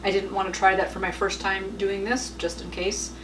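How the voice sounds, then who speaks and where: A woman's voice: mid-range voice, level tone, moderate pace, noisy background. A middle-aged woman chatting casually through a cooking demonstration in her home kitchen, rambling a little with fillers and small laughs. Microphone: camera mic at some distance. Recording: roomy kitchen, voice a bit far off.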